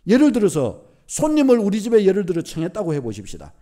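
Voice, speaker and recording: A man with a Gyeongsang accent preaches a sermon, driving his points home by repeating them. His voice sits very high for a man and swings widely in pitch, and he leans on homely everyday stories. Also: fast talker. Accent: Gyeongsang Korean. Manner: animated, repetitive emphatic preaching with homely examples. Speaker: pastor.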